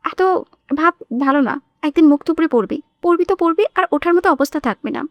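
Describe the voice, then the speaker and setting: A woman voicing a spirited, sharp-tongued young woman who talks in a lively, defiant way in an audiobook drama. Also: high-pitched, brisk, dry recording, natural voice.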